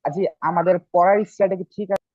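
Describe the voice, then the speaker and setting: A man's voice: high-pitched, little pitch movement, fast talker, a little mellow, dry recording. A male student politely reciting drill sentences, each followed by its translation, in an online class. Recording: tinny dry call audio.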